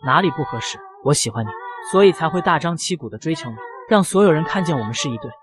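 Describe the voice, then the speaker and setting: A man's voice: a little high, animated, fast talker, over music, close to an everyday voice. A man doing a cocky young rich lover. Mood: teasing. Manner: teasing, self-assured.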